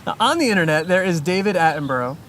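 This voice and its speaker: An interviewer asking rapid-fire questions and reacting briefly and upbeat to each answer. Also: medium pitch, animated, fairly bright tone, slight background noise.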